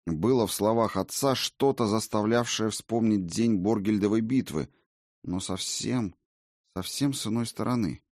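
A man narrating a fantasy audiobook in a measured, expressive storytelling manner. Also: fairly low pitch, no echo, studio quality.

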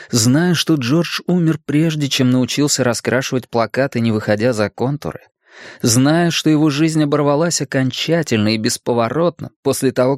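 A man reading an audiobook in a measured, steady way, dropping lower on the grim lines. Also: dry recording, studio quality. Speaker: audiobook narrator. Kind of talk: scripted narration.

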